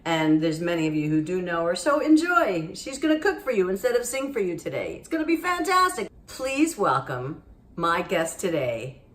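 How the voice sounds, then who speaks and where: A woman's voice: lowish voice, sing-song, normal speed, echoey room. A woman hosting a cooking show, playful and jokey, introducing her guest and chatting in a kitchen. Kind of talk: lively show host introduction and kitchen chat. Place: studio kitchen.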